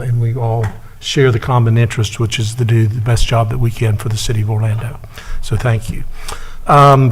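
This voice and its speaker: A mayor chairs a city council meeting, delivering formal remarks in a measured way with fillers and pauses. His voice sits in the mid-range.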